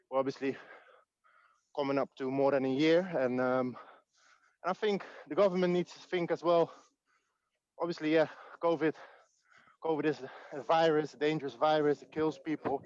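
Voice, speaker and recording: A man talks in a casual group discussion, a little out of breath as he climbs a hill. He pauses often and weighs his words. His voice sits a bit high, and the audio is dry and dull. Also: no echo. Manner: thoughtful, hesitant with many ums. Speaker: community group participant.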